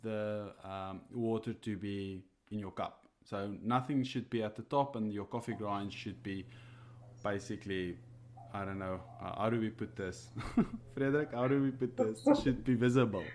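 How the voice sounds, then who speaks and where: A man whose first language is Afrikaans co-hosts a coffee roaster podcast, chatting casually and hesitantly with lots of fillers and chuckles. His voice is fairly low and darkish, at normal speed, with a little hiss or hum in the audio.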